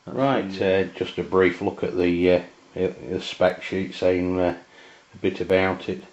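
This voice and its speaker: This is a hands-on gear review from an Englishman who reviews amateur radio equipment casually. His very deep voice comes across flat and matter-of-fact, with a halting rhythm, on dull, lo-fi sound.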